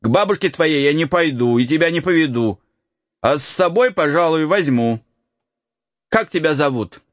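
A man's voice: fairly high pitch, expressive, normal speed, no echo, lo-fi sound, voice pushed up, lightly acted. A man voicing a cheeky runaway boy from the woods who teases and cackles in a raised voice. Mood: teasing. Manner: teasing, cackling, folksy. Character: mocking cheeky forest boy, laughing runaway.

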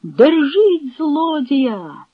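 Reader plays a fierce, scornful Cossack leader, shouting commands; dry, lo-fi. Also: mid-range voice, slow, no room sound. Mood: angry. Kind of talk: audiobook reading with character voices. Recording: dry, dull lo-fi recording.

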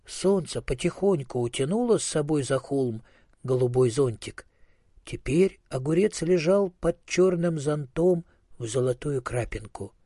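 Male storyteller, calm and measured; slightly high, husky, dry recording. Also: dry recording. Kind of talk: scripted storybook narration.

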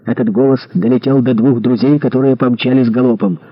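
A man reads an adventure novel aloud with dramatic expression. His voice is husky and mid-pitched, and the recording sounds slightly dull and lo-fi. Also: fairly even intonation, fairly quick. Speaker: audiobook narrator. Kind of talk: scripted narration.

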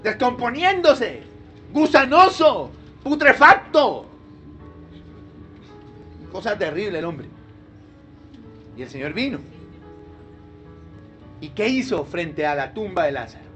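A man pastor preaching a sermon in a lively, humorous way, full of rhetorical questions. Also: fairly high pitch, unhurried, long pauses, soft background music.

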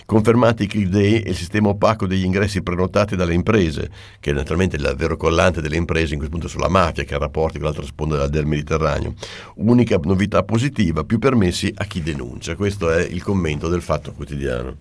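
A man's voice: low-pitched, fast talker. A man co-hosting a radio press review, making sardonic, dismissive remarks. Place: radio studio.

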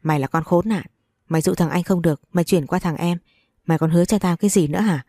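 A woman's voice: fairly low pitch, quick pace, mellow, no echo, studio quality. A woman voicing a cruel, abusive older father who curses harshly at his daughter in a storybook reading. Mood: raging. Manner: harsh, cursing.

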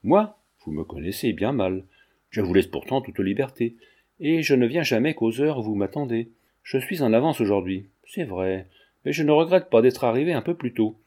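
A sly young gentleman who teases his mistress with easy, mocking charm, as a male audiobook reader puts him on. The voice is mellow and warm, at a middling pitch, and it keeps a light, amused edge throughout. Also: husky. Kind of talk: audiobook character reading.

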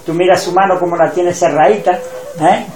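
A kindly, motherly goddess, as a male storyteller speaks her lines, coaxing in a hushed voice. A roomy echo surrounds it. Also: sits high, steady tone, brisk, background noise, close to an everyday voice.

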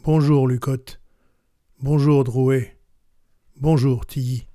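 A man reading the lines of a stern, gray-haired male stranger from a storybook in a grave, measured voice. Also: mid-range voice, fairly even intonation, no echo, clean studio sound, natural voice.

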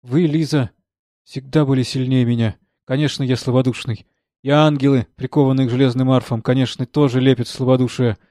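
A man's voice: medium pitch, steady tone, a little fast, no echo, clean studio sound, lightly acted. A man voicing a drunk, broken older composer in an audiobook, his delivery anguished and desperate. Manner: anguished confession rising to frantic shouting. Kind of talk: audiobook character reading.

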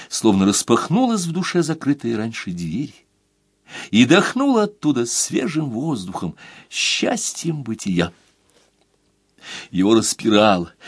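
A man narrating an audiobook in a measured, expressive way. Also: mid-range voice, breathy edge, no echo, studio quality. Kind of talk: scripted narration.

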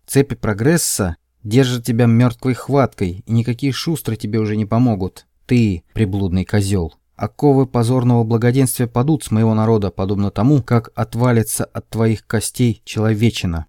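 A man putting on a booming, sepulchral alien zealot. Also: dark tone, no room sound, studio quality, lightly acted. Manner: slow, bombastic speechmaking. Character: pompous brutish alien male zealot ranting.

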